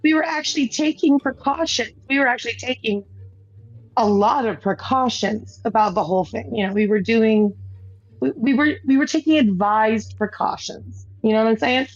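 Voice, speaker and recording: A fairly high-pitched woman streams games and chats at normal speed, rambling through a story with lots of laughing and sentence restarts as the show's host. The lo-fi audio sounds dull and dry, with no room sound.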